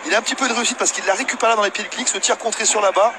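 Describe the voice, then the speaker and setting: A man's voice: high-pitched, steady tone, very fast. A man analysing football replays live, explaining and repeating his points for emphasis. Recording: loud stadium crowd noise behind. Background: football crowd.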